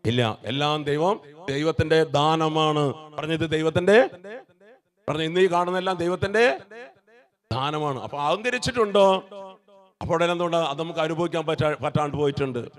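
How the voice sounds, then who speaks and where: A man preaching a sermon to a congregation, asking questions and urging them to repeat his words back. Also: high-pitched. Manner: exhorts the congregation to repeat after him; asks the crowd questions and prompts replies. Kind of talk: call-and-response sermon.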